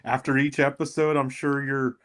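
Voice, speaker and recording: A man's voice: medium pitch, little pitch movement, normal speed. A man co-hosting a podcast, asking a guest questions in a casual, friendly way. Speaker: podcast co-host. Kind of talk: casual interview chat.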